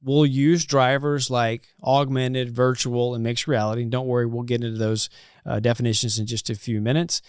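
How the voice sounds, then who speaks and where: Upbeat male studio host with a smooth voice. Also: mid-range voice, little pitch movement, normal speed, no echo. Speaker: host, chief marketing officer. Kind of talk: casual studio talk show. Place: company studio.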